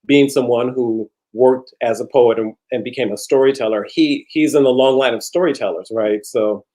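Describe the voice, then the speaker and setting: A man hosting an interview, asking questions with restarts and answering with quick affirmations. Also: mid-range voice, low-quality recording. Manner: warm prompts, frequent short affirmations, restarts. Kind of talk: conversational interview.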